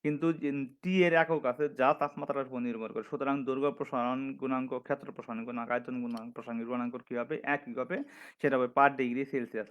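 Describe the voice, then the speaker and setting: A man from Bangladesh teaching a physics lecture, working through formulas step by step and correcting himself as he goes. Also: mid-range voice. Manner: methodical, dictating formulas step by step, restarts and self-corrections. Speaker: physics instructor. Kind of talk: recorded classroom lecture. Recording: slightly dull lo-fi audio.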